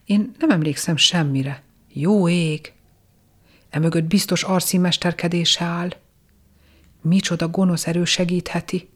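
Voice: medium pitch, steady tone, pauses often, lightly acted. A storyteller voicing a fretful, bewildered little gnome with a puzzled, anxious manner, in a storybook reading.

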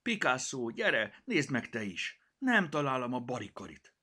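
A man's voice: lowish voice, wildly swooping pitch, fairly bright tone, breathy edge, full character voice. A man voicing an earnest, fretful nine-year-old girl in a storybook reading, with a raised, pleading voice. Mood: eager.

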